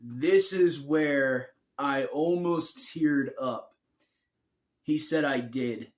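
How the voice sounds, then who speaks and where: A man's voice: medium pitch, drawn-out words. A tired young man telling a personal story in a rambling, earnest way, often correcting himself. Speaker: vlogger.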